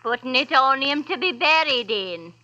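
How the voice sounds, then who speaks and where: A woman's voice: high-pitched, lively intonation, moderate pace, sharp tone, lo-fi sound. A greedy cackling old charwoman. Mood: gloating. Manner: brash, mocking, cackling. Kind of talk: old-time radio drama acting.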